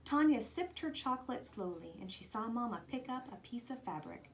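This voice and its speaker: Reading a children's picture book aloud at normal speed, a woman tells the story expressively in a voice that's a little high. Slight background noise can be heard.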